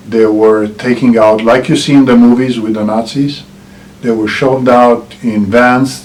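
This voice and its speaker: A middle-aged man from Romania with a Romanian accent, giving earnest political commentary to camera and pausing often with "uh" and "um". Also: medium pitch, a little mellow, poor audio. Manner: earnest, with frequent "uh" and "um" pauses. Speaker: channel host.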